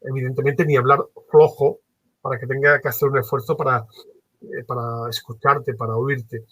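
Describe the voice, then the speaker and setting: A man lecturing as a trainer in a workshop, animated and varying his tone on purpose, with many fillers. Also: medium pitch, normal speed, husky, no room sound, poor audio. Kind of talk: workshop lecture on phone customer service.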